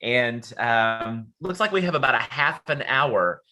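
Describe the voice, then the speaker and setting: A college dean from Southern Appalachia in the United States gives an informal online talk from home over a video call. His medium-pitched voice is lively and unhurried, pushed and bright, and his rambling delivery mixes folksy and academic phrasing in a Southern Appalachian accent.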